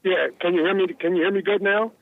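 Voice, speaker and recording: A man's voice: high-pitched, fairly even intonation, fast, no echo. A man calling in to a talk show from his car over a Bluetooth phone line, earnest and rambling, repeating words as he goes. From New Jersey. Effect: car Bluetooth phone call. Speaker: caller.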